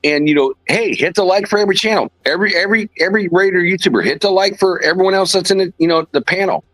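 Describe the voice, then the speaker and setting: A man's voice: high-pitched, fast talker, a bit bright, no room sound, soft background music, rough recording. An older man on a casual podcast panel who rambles and repeats himself for emphasis.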